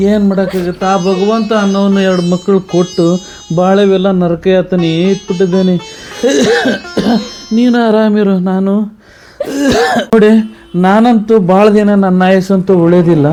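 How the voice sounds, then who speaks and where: A man's voice: sits high, mellow. A man playing a weary resigned old father. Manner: resigned, consoling. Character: weary elderly father near death.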